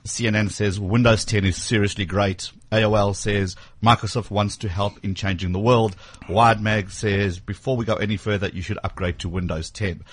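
A man hosts a tech radio show, talking with quick eager energy and plenty of "you know" and "um". His voice sits low with a husky edge. The studio sound is dry and close. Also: no room sound. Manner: enthusiastic, quick, filler-heavy. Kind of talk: casual radio chat.

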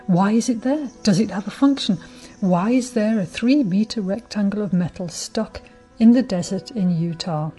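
A woman hosting a short radio segment on astronomy, telling it in a wry, measured way. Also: mid-range voice, darkish tone. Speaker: radio host. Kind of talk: scripted radio talk on astronomy.

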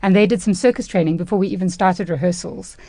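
A woman's voice: on the low side, fast, warm tone, dry recording. A woman from South Africa who runs a theatre training space, speaking thoughtfully as a radio guest.

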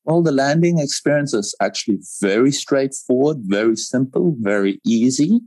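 A South African paragliding pilot, appearing as an interview guest, answers conversationally and reassuringly, repeating phrases for emphasis. His voice is medium-pitched and darkish, with lively intonation at a normal speed, captured in a dry recording.

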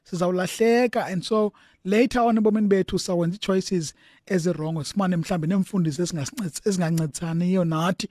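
Fast-talking, high-voiced South African Xhosa man hosting. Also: fairly even intonation, darkish tone, no room sound, clean studio sound. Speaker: radio host. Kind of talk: conversational religious talk show hosting, switching between two languages.

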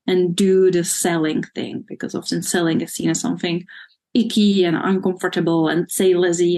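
A woman's voice: lowish voice, creaky, a little mellow. A woman from the Czech Republic with a Czech accent, giving earnest interview answers as a marketing consultant and explaining things in long lists.

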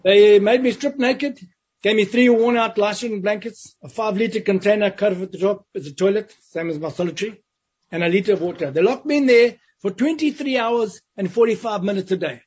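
Male interview guest with a husky, higher-pitched voice, spinning a vivid prison story over a muffled line. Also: a little fast, darkish tone. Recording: dull lo-fi sound.

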